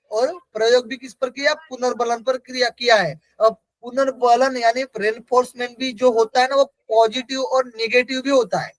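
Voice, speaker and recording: A man's voice: very high-pitched, dry recording, rough recording. A man giving an exam-prep lecture. He asks the class questions, answers them himself and repeats key terms. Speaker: teacher.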